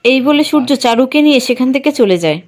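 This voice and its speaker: A woman narrating a recap of a TV serial episode in a steady read-aloud manner. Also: high-pitched, fairly quick.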